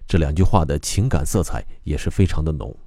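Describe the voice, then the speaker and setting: Deep-voiced man explaining a recitation. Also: dry recording, clean studio sound. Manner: calm, methodical explaining with frequent pauses. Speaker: recitation teacher. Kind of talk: explanatory lesson on reading poetry aloud.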